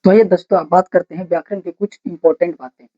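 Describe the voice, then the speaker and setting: A grammar teacher dictating notes slowly, repeating phrases word by word and asking questions before answering them. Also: mid-range voice, steady tone. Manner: slow, repetitive dictation, breaking sentences into single words. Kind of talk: blackboard-style grammar lesson, dictating notes. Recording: dull lo-fi recording.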